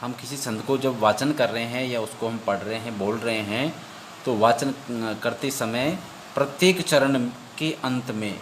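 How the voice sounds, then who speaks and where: A man teaching an exam-prep lesson. He recites verses slowly and repeats each point as a question he then answers. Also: mid-range voice, fairly bright tone, a little hiss or hum.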